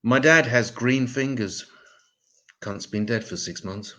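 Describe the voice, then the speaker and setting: Deadpan stand-up comic. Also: male voice, mid-range voice, slow. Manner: deadpan, self-mocking. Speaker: stand-up comedian. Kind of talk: online stand-up set of one-liners.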